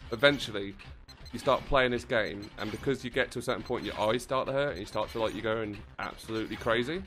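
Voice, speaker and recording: Excitable low-voiced streamer. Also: male voice, fast talker. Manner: excitable, rambling, swears casually. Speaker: game streamer. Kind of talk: casual livestream commentary while playing. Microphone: close desk mic. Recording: game music playing behind.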